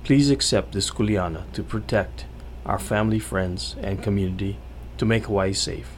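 A man with a fairly low voice delivers a scripted civil defense announcement. He sounds formal and measured, like an official addressing the public. Some noise sits in the recording behind his words. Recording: clearly noisy announcement recording.

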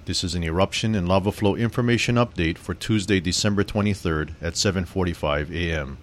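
Deep-voiced man reading a civil defense bulletin. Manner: steady, formal, measured reading. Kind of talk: scripted public information bulletin.

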